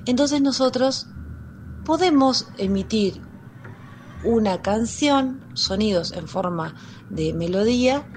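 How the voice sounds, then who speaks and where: A woman with an Argentine accent, a music teacher giving a patient, step-by-step explanation on school radio, often pausing with fillers. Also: on the high side, expressive, a little mellow, slight background noise.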